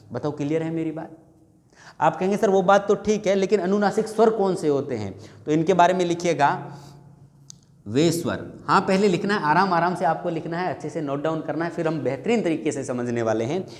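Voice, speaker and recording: A man teaching a Hindi grammar class, asking questions and answering them himself, repeating key terms slowly. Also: a little high, big-room sound. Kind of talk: classroom lecture for exam prep.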